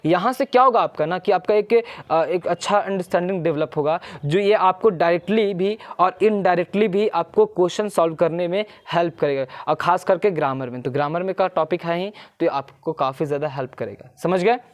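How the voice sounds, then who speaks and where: A teacher with a mid-range voice gives a grammar lesson, repeatedly asking short questions and answering them. Key points are repeated, and the teacher slows down to spell out English phrases.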